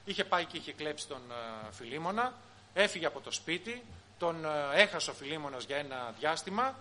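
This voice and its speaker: A male preacher delivers a sermon in a high, bright voice. He asks his listeners rhetorical questions and briefly acts out the people he quotes. His delivery is lively and earnest. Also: a little hiss or hum.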